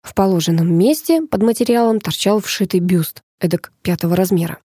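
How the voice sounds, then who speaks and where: A woman's voice: lowish voice, fairly quick, dark tone, breathy edge, no room sound. Woman narrating a dry ironic audiobook. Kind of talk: first-person audiobook narration.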